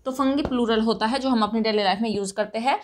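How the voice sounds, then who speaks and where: Casting: Indian woman grammar teacher, high voice, patient explainer who keeps checking students follow. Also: quick pace, slight background noise. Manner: explains patiently, often checks in with "right" and "okay". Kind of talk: exam-prep grammar lesson.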